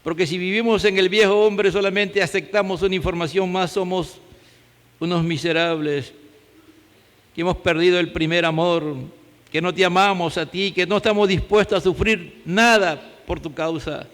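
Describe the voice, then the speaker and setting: A male pastor with a Peruvian accent preaching a fervent sermon, swinging from loud emphatic peaks to low prayer. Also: fairly even intonation, moderate pace. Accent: Peruvian Spanish. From Peru. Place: church hall. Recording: church hall with long reverb.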